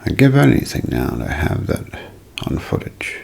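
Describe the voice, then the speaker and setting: With an extremely low pitch that swoops wildly, a man tells a scripted, dramatic ASMR mystery in a gravelly, husky, slightly mellow voice. He often sinks toward a whisper and uses deliberate storyteller phrasing.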